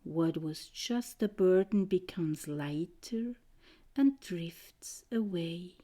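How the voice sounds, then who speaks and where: A woman guiding a trance meditation in a soothing, mesmerizing way, with short gentle phrases and a soft, breathy voice that often nears a whisper. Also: fairly low pitch, expressive, slow pace. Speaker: guided meditation narrator.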